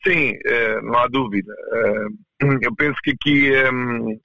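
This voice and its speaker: A man with a European Portuguese accent gives casual, halting interview answers, often repeating words. His voice is creaky and forceful, on a dry but dull lo-fi recording. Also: medium pitch, no room sound. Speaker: roller hockey coach, interview guest.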